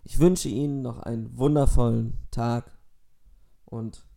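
A man's voice: medium pitch, lively intonation, slow pace, gravelly, dark tone. A man delivering a mock school presentation in an emphatic, pompous, oratorical way.

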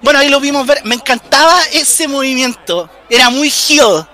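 Bright, high-pitched Chilean male wrestling commentator. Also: moderate pace. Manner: slangy, jokey, enthusiastic fan talk. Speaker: wrestling commentator, podcast host. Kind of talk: casual wrestling commentary and chat.

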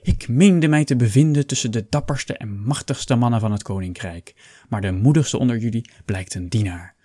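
Guy putting on a bossy young king, snappy commands, kinda husky, dry sound. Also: medium pitch, moderate pace, mellow, no room sound, close to an everyday voice. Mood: angry commanding. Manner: commanding, stern. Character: imperious young male king, quick-tempered.

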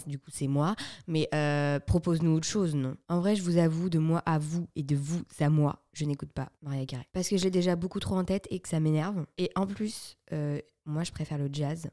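Chatty young woman podcast host, low and mellow. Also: no room sound, studio quality. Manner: chatty, playful, self-mocking. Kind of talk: casual chat.

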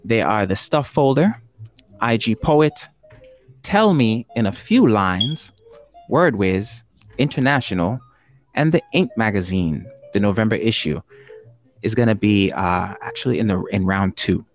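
A man's voice: on the low side, animated, measured pace, faint music behind. Laughing, chatty male game host. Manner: chatty, jokey, laughs often. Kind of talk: casual hosting of an online trivia game.

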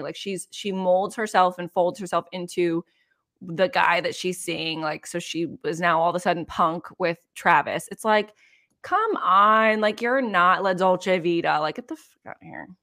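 A woman's voice: on the low side, normal speed, pushed and bright. A chatty woman hosts a podcast, talking loosely with a friend. She rambles, giggles often and leans on filler words. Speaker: podcast host. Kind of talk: casual chat.

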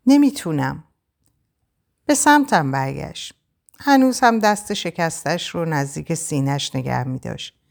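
A woman narrating a novel in the first person for an audiobook. Her voice sits on the low side for a woman, yet it rises and falls widely as she reads in a measured, expressive way. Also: creaky. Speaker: audiobook reader.

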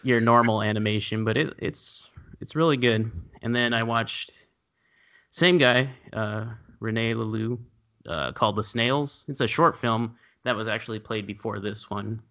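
A man co-hosting a casual podcast, relaxed and loosely searching for words as he describes films. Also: on the low side, moderate pace. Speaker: podcast co-host. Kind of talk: casual chat.

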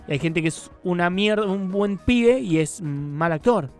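A man's voice: sits high, animated, unhurried, faint music behind. A young man with an Argentine accent from Córdoba, co-hosting a radio show and giving blunt, teasing opinions on films. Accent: Argentine Spanish (Córdoba). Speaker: radio co-host. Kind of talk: casual film chat.

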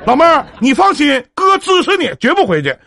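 Brash Northeastern man, high and lively. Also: a little fast, vocal fry, no room sound, a faint crowd. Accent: Northeastern Mandarin. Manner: brash, joking, swears, chummy big-brother banter. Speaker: live-stream relationship advice host. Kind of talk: casual phone counseling chat on a live stream.

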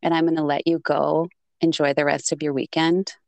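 A woman's voice: low voice, level tone, normal speed, creaky, darkish tone, no room sound. A woman with a Minnesotan accent, co-hosting a podcast in casual chat. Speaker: podcast co-host.

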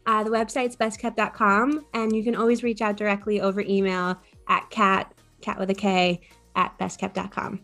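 A woman's voice: medium pitch, level tone, normal speed, fairly bright tone, faint music behind. Chatty woman guest with frequent ums. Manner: chatty, many ums, enthusiastic. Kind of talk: casual podcast interview.

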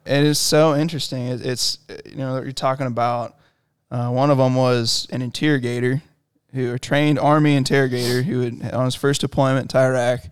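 Rambling, smooth-voiced man. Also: medium pitch, fairly even intonation, brisk, hardly any pauses, no room sound, studio quality. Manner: rambling storyteller with many fillers. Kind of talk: casual chat.

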